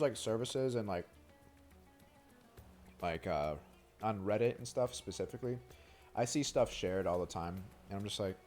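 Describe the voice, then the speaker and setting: Streaming a video game, a man with a lowish, somewhat mellow voice chats casually, rambling frankly with lots of fillers.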